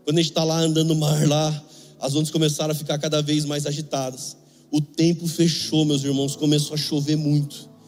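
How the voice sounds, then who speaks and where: Brazilian male pastor, young, high voice, humorous storytelling sermon, long reverb with faint music behind. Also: little pitch movement, fairly quick, a little mellow. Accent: Brazilian Portuguese. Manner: humorous storytelling with acted dialogue.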